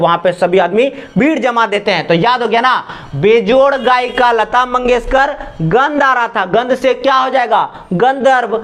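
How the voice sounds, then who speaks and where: A man's voice: very high-pitched, fairly bright tone. A man teaching exam memory tricks, repeating lines and asking rhetorical questions as he drills the class.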